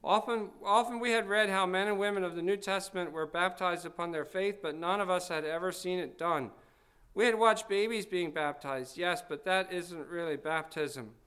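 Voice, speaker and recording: A man reading aloud the lines of a grave, devout Swiss believer, earnest and calm. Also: high-pitched, normal speed, smooth.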